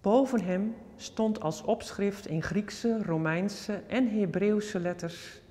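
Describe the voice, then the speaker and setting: A man reading a Bible passage in a solemn, measured and reverent way, lifting his voice for the quoted words. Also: high-pitched, dark tone, in a large hall. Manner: measured and reverent, quotes spoken with stronger emphasis. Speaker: scripture reader.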